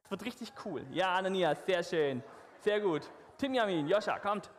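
Man, pastor, high voice, encouraging, lively service, reverberant hall. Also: moderate pace. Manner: upbeat, coaxing, encouraging the congregation. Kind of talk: lively interactive church service. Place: church hall with stage.

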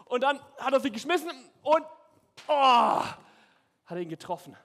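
Lebhafter schwäbischer Mann erzählt Kindern. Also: male voice, very high voice, normal speed. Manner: animated, playful, addressing children directly. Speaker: children's storyteller. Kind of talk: in-character Bible storytelling to children. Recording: echoey hall.

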